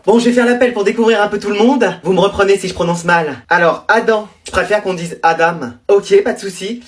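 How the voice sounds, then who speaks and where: A man's voice: sits high, fairly even intonation, fast, close to an everyday voice. A man doing a tired schoolteacher in a comedy sketch. The teacher is patient and resigned. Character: weary schoolteacher taking the roll.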